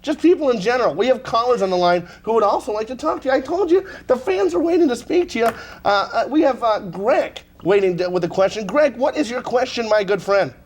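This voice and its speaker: A man's voice: very high voice, expressive, fairly quick, hardly any pauses. A man hosting a live call-in TV talk show in a studio, teasing his guests and rambling in a joking way.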